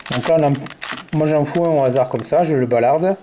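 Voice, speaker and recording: Man, tutorial presenter, mellow tone, calls out moves as he turns the puzzle, faint hiss behind. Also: a little high, fairly quick. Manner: muttering moves and colors aloud. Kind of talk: step-by-step tutorial talk.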